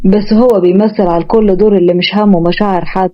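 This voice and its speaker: A soothing, kind young man with an Egyptian accent, as a woman reads him in a story. He talks quickly but reassuringly, in a middle register, over a muffled lo-fi recording. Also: mid-range voice, pitched below the performer's own voice, natural voice. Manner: calm, reassuring delivery. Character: gentle young brother-in-law, kind and soothing.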